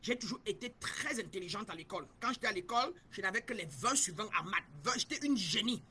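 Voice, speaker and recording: A woman's voice: medium pitch, expressive, quick pace, sharp tone, slight background noise. A middle-aged woman from Cameroon, a spiritual guide giving an emphatic, repetitive teaching talk and speaking straight to her listeners.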